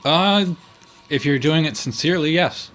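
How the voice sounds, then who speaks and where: A man's voice: on the high side, fairly bright tone, soft background music. A man narrating as game master at a tabletop role-playing game in an easygoing way. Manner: easygoing, quick to laugh.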